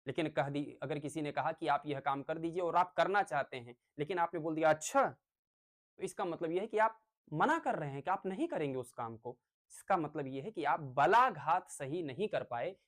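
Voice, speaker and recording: A male teacher giving a lecture on phonics, explaining step by step with everyday examples. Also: fairly high pitch.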